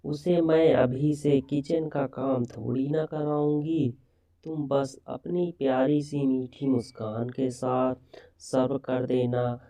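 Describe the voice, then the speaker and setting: Man doing soft-spoken kind mother-in-law, storybook, unhurried and mellow. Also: medium pitch, fairly even intonation, distant mic. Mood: tender. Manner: gentle, sweet. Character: kind affectionate middle-aged mother-in-law.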